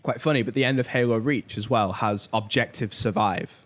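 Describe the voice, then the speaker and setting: A man hosts a casual pop culture podcast, talking informally and telling stories punctuated by emphatic asides. His voice is medium-pitched and a little fast.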